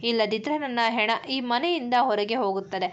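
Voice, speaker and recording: A woman's voice: a little high, normal speed, lo-fi sound, lightly acted. A woman voicing a stern old father who gives a commanding threat.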